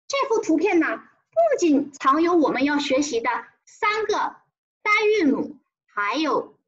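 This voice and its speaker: A woman's voice: high voice, breathy edge, lo-fi sound. A woman teaching a children's pinyin lesson, drawing out tones in a sing-song way and prompting the class to repeat after her. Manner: sing-song, drawn-out tone demonstrations. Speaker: primary school teacher.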